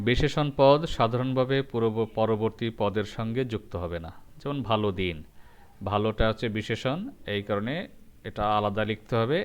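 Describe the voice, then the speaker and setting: A man's voice: lowish voice, clean tone. Methodical man teaching a grammar lesson. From Bangladesh. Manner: methodical, repeats examples slowly.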